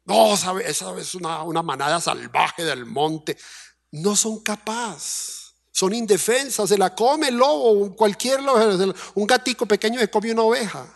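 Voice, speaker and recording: A man's voice: measured pace, vocal fry. A Colombian man preaching a sermon as pastor, asking the congregation questions and acting out quoted voices. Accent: Colombian Spanish. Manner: acts out quoted voices in a high, fretful tone.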